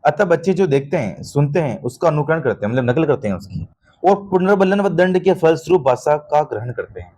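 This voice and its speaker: A man lectures for an exam-prep class in a somewhat higher voice. He keeps asking quick checking questions and addresses his students as "beta", in a patient, repetitive teaching manner. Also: lively intonation, a little mellow, slight background noise. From Rajasthan.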